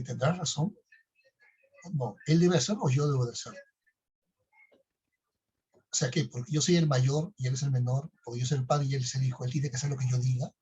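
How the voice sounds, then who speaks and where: A man's voice: medium pitch, dark tone, breathy edge, lo-fi sound. A man co-hosting a podcast, telling stories in a casual talk style and tagging his phrases with questions. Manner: conversational, tags phrases with "¿no?". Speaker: podcast co-host.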